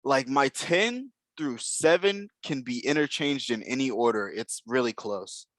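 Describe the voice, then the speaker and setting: A man's voice: mid-range voice, animated, unhurried, a bit bright, dry recording. A man co-hosting a podcast, talking through basketball prospects in a casual, analytical way with lots of fillers and hedges. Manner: analytical, hedging with many fillers. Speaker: podcast co-host. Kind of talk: casual basketball draft chat.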